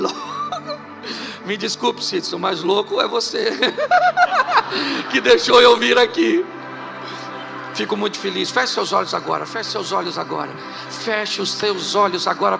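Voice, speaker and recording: Music plays in the background as a middle-aged Carioca pastor from Rio de Janeiro, Brazil gives a humorous sermon in a church hall, asking the congregation rhetorical questions between joking stories. His high, creaky voice moves unhurriedly, with long pauses.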